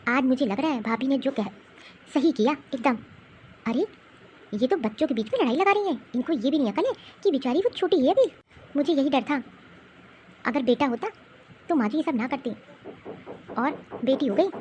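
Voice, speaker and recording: A woman's voice: high voice, expressive, normal speed, long pauses, a little mellow, a little hiss or hum, voice pushed down. A woman voicing a young mother who comforts her daughter in a cartoon. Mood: worried. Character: caring young mother, worried.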